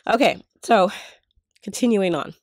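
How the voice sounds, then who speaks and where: A middle-aged woman, a couponing vlogger, is filming a tabletop close-up at home while she has a cold. In a congested, medium-pitched voice that's expressive, unhurried and a little mellow, she chats through a casual gift-basket tutorial, explaining step by step with fillers. The studio-quality audio has no room sound.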